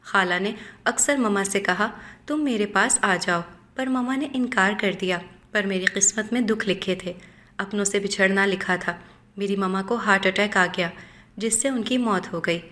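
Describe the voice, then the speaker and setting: Woman narrating a story in first person, steady measured reading, ordinary mid voice. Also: medium pitch, slight background noise.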